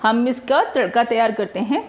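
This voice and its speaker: A cooking vlogger with a somewhat high voice narrates her own video from her home kitchen at a moderate pace. Chatty and homely, she explains each step as she cooks.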